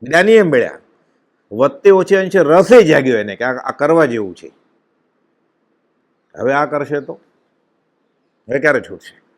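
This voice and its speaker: A man with a Gujarati accent delivers a devotional sermon with fervour. His voice sits a little high for a man, and he breaks into chanted verses and quoted scripture. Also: animated, unhurried, pauses often. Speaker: spiritual discourse speaker.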